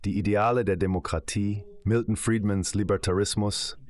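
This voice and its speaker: A man with a very deep voice reads a dubbed interview answer in German. His delivery is measured and explanatory, steady from phrase to phrase. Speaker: interview guest.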